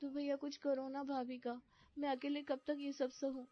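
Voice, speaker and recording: A woman's voice: high voice, flat delivery, moderate pace, highs cut off, faint music behind, voice pushed up, close to an everyday voice. A woman voicing a frustrated younger daughter-in-law who complains plaintively. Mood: complaining.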